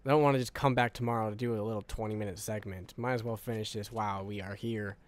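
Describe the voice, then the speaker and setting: Quick-paced and steady in tone, a somewhat low male voice rambles through casual let's-play commentary over slight background noise. The gaming creator sounds tired with a wearing voice, repeating phrases to himself.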